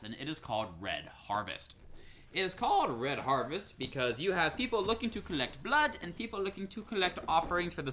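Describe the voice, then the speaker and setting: A man walks through hobby boxes in a loose, animated way, with his pitch rising and falling widely. He often breaks into laughter and quick asides. A faint noise sits under the recording. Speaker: co-host. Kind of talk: casual product rundown.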